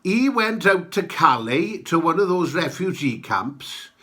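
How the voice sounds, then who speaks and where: Forceful, slow-talking Welsh man. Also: a little high, big pitch swings. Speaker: podcast host. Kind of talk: comic political monologue.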